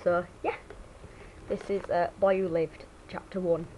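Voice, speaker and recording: A woman's voice: on the low side, flat delivery, measured pace, warm tone, slight background noise, rough recording. A woman with a Yorkshire accent, speaking informally as she gives a read-aloud sample of her accent. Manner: informal, drops the word "the". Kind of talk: reading a book aloud as an accent sample, with casual asides.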